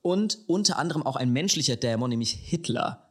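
A man's voice: medium pitch, animated, a little fast, breathy edge. A man from Hesse hosting a podcast, casually telling a true crime story and mixing in English slang. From Hesse, Germany. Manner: chatty, mixes in English slang. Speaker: podcast host.

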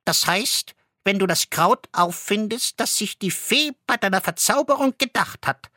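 A man voicing a proud enchanted girl who has been turned into a talking goose, speaking in a high, thin voice with solemn warnings. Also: animated, a little slow, bright, forceful tone, no echo, clean studio sound, exaggerated voice. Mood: earnest.

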